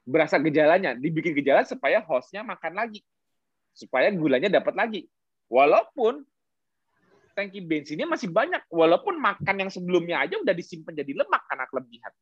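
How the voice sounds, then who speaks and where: A speaker explaining health science in casual podcast talk, animated, posing rhetorical questions and mixing in English terms. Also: mid-range voice, a little fast, slightly rough, no room sound, dull audio.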